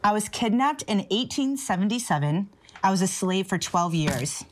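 A woman's voice: medium pitch, expressive, moderate pace, a little hiss or hum. Bubbly young woman hosting a quiz. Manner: bubbly, laughs often. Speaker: host. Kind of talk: casual hosting with a quiz game.

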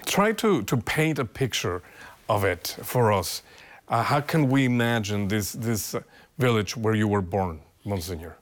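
A man interviewing a bishop, asking polite, formally worded questions with frequent halting restarts. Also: fairly low pitch, animated.

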